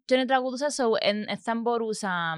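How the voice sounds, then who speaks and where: Her voice is fairly high and smooth: a young woman, a music production student with a Cypriot Greek accent, answering interview questions in a casual manner. She hesitates, leans on many fillers, and mixes in English words, and the studio-quality recording has no room sound.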